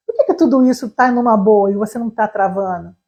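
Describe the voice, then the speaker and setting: A Brazilian woman teaching English online, fast, animated and emphatic, speaking straight to her viewers. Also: mid-range voice, highs cut off. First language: Portuguese.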